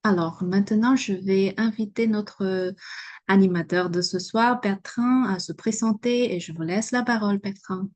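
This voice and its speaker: A woman's voice: mid-range voice, moderate pace, darkish tone, no echo. Woman handing over a webinar, dry sound. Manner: brief, polite handover. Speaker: webinar organizer. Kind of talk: introducing the speaker.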